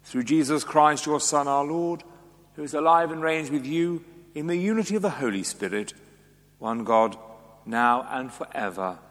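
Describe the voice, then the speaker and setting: A man's voice: a little high, expressive, fairly bright tone. Solemn man praying in cathedral echo. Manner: solemn, measured, formal delivery. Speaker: Anglican officiant leading prayers. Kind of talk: liturgical prayer recitation. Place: large reverberant church. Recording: cathedral echo, long reverb.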